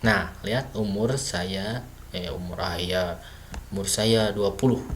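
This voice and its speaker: A self-taught coding tutor with a low-pitched male voice walks through basic programming in a casual screen-recorded lesson. He takes his time, thinking aloud with plenty of fillers and self-corrections, and there's a faint hiss or hum in the audio.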